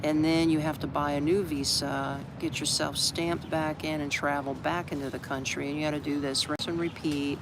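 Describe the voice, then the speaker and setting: With a flat, mid-range delivery at normal speed and few pauses, an older American from Orlando, Florida rambles through a casual livestream and reads viewer comments aloud. Street traffic sounds in the background of this outdoor recording from an open shed in a city park.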